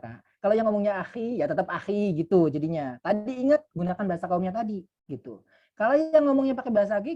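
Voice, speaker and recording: A man's voice: high-pitched, darkish tone, highs cut off. A man in his thirties, a youth mentor, giving a casual, chatty online talk full of fillers and asides. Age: 30s.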